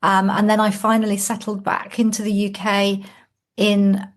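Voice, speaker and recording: A woman's voice: medium pitch, monotone, moderate pace. A woman from Wales, a sales coach, telling her story as a guest on a video call in a reflective way. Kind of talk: casual interview on a call.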